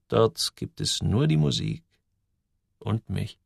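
A man voicing a grown male musician, speaking slowly and drawn out. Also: expressive, creaky, slightly rough, no echo, clean studio sound, full character voice. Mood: dreamy. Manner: slow, drawn out, low. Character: gruff adult male musician Kringström.

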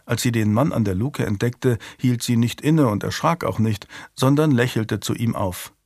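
Brief: male audiobook reader, mid-pitched, steady scripted narration, close dry recording. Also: moderate pace, no room sound. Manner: calm, even storytelling.

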